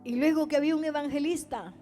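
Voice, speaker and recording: A woman's voice: high-pitched, fast talker, mellow, faint music behind. A woman evangelist preaching a testimony sermon, acting out dialogue and calling her listeners brothers. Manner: storytelling, addresses listeners as brothers, acts out dialogue.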